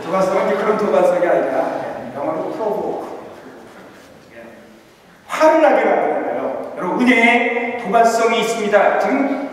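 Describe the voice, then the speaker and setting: A male pastor preaching a humorous sermon, quizzing his congregation and swinging between emphatic lines and quiet asides. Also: high-pitched, lively intonation, moderate pace, crowd noise. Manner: humorous, asks the congregation questions. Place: church sanctuary. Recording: echoey church hall, distant mic.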